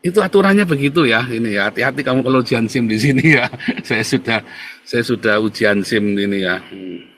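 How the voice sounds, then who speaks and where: A man's voice: mid-range voice, lively intonation, fairly quick, a bit bright, a little hiss or hum. A man in his forties from Indonesia, delivering an emphatic, repetitive and defiant monologue to his viewers, laughing now and then. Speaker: vlogger. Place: abroad, not the pictured home country.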